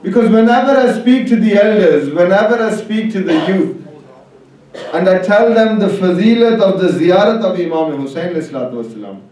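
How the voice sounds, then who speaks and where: Animated and brisk, a man with a high, darkish voice preaches an Islamic sermon to a gathering, driving listeners on with rhetorical questions. The distant-mic public address recording in the religious hall is strongly echoey.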